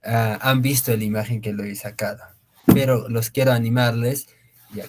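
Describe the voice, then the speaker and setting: A man teaching a beginner Quechua class online, explaining slowly with many fillers, repeated words and tag questions. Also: mid-range voice, steady tone, heavy background noise.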